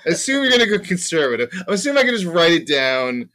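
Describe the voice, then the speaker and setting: A man's voice: on the high side, very animated, fast, pushed and bright. A man co-hosting a podcast, chatting casually about racing bets, rambling and joking with lots of ums. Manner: rambling, jokey, many ums. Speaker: podcast co-host.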